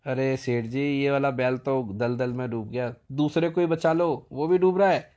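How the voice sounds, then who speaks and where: A man voicing a cunning young male servant who loudly fakes alarm and grief. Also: moderate pace, lightly acted. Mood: fake panic. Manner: loud, high, wailing fake alarm.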